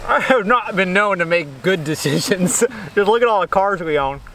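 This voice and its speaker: A man's voice: high-pitched, animated, moderate pace, sharp tone, rough recording. A young man from the American Midwest, joking and bantering sarcastically in a casual vlog recorded outdoors on a beach. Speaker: vlogger. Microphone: camera on a tripod, later handheld at arm's length.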